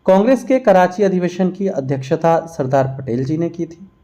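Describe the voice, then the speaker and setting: A man with a slightly high, lively, mellow voice speaks at a normal pace. He teaches a competitive exam revision lesson, reading out questions and explaining each answer.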